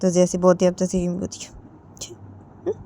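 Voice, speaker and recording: A woman's voice: fairly low pitch, completely flat delivery, brisk, dark tone. A woman with a Hindi accent casually narrating a story, often repeating her linking words. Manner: repetitive, many "to" linkers.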